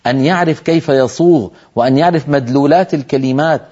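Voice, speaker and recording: Male tajweed teacher, scholarly and hesitant with fillers, drawn-out recited examples, dark timbre. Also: on the high side, dull audio. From Syria. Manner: explains slowly, then recites example words drawn out. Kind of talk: televised tajweed lesson.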